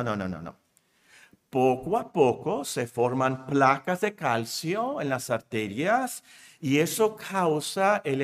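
A man preaching as pastor, emphatic, repeating key words and rising to near shouts. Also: on the high side. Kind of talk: sermon.

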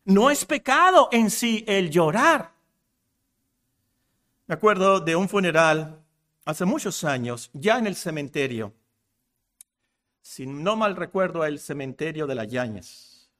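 A man preaching a sermon, swinging from loud emphatic peaks to low hushed passages and calling the congregation brothers and sisters. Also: lively intonation, slow pace, long pauses. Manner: addresses listeners as brothers and sisters.

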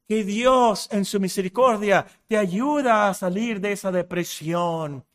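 A man's voice: high voice, measured pace. A man preaching a sermon with passion, repeating short phrases to drive points home.

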